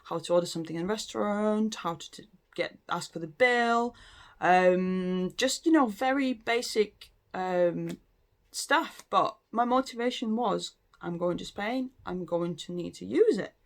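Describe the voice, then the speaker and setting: Speaking a little slowly in a medium-pitched voice, this Latvian vlogger in their late 30s talks casually to camera about language learning. Latvian is their first language, and the chatty, unscripted talk is hesitant, with plenty of ums and restarts.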